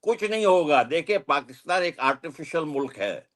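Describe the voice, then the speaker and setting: A man's voice: fairly high pitch, lively intonation, moderate pace, fairly bright tone. A man giving his views as a guest on a political discussion panel, emphatic and speeding up as he argues. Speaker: guest commentator.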